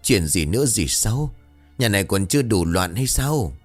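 A man's voice: on the low side, expressive, moderate pace, soft background music. A man voicing a weary old lady of the house. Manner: tired, resigned.

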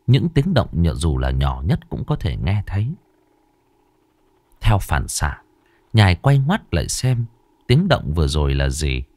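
A man narrating an audio story in a measured, expressive way. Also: low voice, dry recording.

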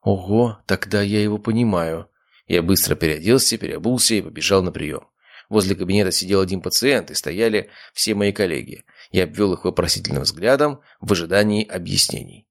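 A male narrator reading a first-person audiobook in a low, steady voice. His delivery is measured and even. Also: creaky.

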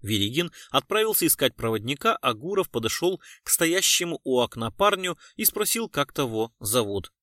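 A man narrating a detective story in an even, measured reading style. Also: medium pitch, dry recording, clean studio sound. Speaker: audiobook narrator. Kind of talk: scripted narration.

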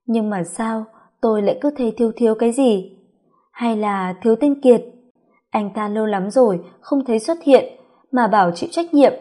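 A woman's voice: a little high, warm tone. A woman narrating a first-person audio story in a confiding, reflective way.

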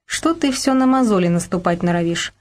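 A woman's voice: fairly low pitch, lively intonation, fairly quick, a little mellow, lightly acted. A woman reading aloud, voicing a sly, mocking young man recently out of prison. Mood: needling.

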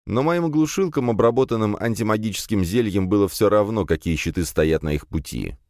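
A man narrating a fantasy audiobook in the first person, in a lively storytelling manner. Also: fairly low pitch, fairly quick, no room sound. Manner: lively storytelling with acted dialogue. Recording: dry close studio.

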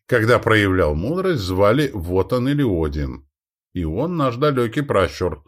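A man reading an audiobook aloud as narrator, with expressive storytelling. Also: lowish voice, measured pace.

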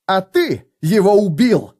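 A man voicing an indignant, fed-up young human adventurer who shouts in a raised, strained voice in an audiobook. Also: high voice, very animated, slow pace, breathy edge, voice pushed up, full character voice.

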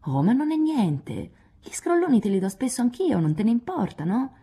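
Spirited coaxing young woman, read by a woman; husky timbre. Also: sits low, a little fast, exaggerated voice. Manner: coaxing, lively.

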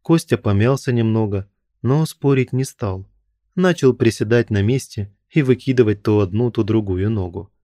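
A man narrating a horror story in a measured, unhurried storytelling manner. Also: lowish voice, mellow, no echo, clean studio sound. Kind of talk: audiobook narration of a horror tale.

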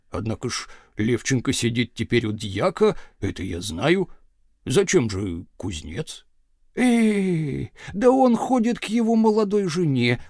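A man's voice: on the high side, vocal fry, a little mellow, dry recording, clean studio sound, heavily acted. A man voicing a sly, grumbling older village man who mutters to himself. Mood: puzzled musing. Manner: muttering to himself, wheedling and resentful.

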